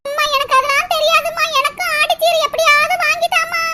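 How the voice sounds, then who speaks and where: A woman's voice: very high voice, steady tone, fast talker. A woman voicing a spoiled married daughter in a cartoon, whining and pleading. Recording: loud hiss under voice.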